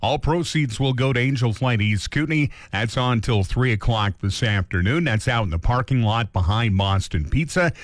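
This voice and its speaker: A male radio host makes casual announcements in a mid-pitched voice. The sound is dry and close. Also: expressive, normal speed, hardly any pauses, no room sound.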